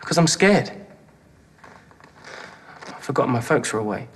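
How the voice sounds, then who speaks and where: A young man playing a nervous, defensive suspect who answers questions in a hurried way. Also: medium pitch, animated, slight background noise, close to an everyday voice.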